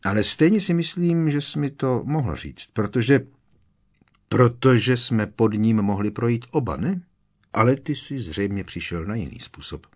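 A man's voice: medium pitch, expressive, natural voice. A man voicing a sulky, sarcastic teenage boy wizard in an audiobook, with a doubtful drawl. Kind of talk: audiobook character reading.

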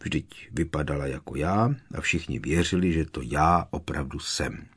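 A man voicing a young male prisoner who confesses in a flat, expressionless monotone. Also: extremely low pitch, slightly rough, pitched below the performer's own voice, exaggerated voice. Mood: flat confession. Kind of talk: audiobook character voice.

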